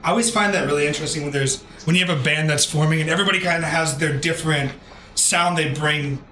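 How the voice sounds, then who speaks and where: A man's voice: fairly high pitch, fast talker, bright, forceful tone, echoey room, a little hiss or hum. A man hosting a radio show, interviewing a band in an easygoing, loose way. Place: radio studio.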